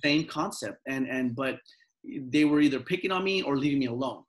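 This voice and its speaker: A mindfulness coach from Southern California answers interview questions earnestly and repetitively, often acting out the lines he quotes. His mid-range voice moves at a moderate pace, and the audio is poor.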